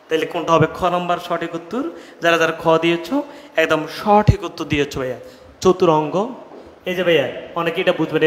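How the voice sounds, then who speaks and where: A young male tutor runs a live online grammar class, quizzing his students and nudging them along like an older brother. His voice sits a little high. The room rings with a long, echoey reverb. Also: fairly bright tone. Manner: brotherly, coaxing students with quick questions. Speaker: online admission-test tutor.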